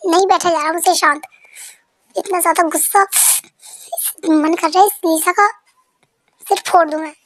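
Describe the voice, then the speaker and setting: A woman's voice: extremely high pitch, steady tone, normal speed, long pauses. A woman voicing a shy, jealous young man in love, in a fan-dubbed story, pleading and emotional.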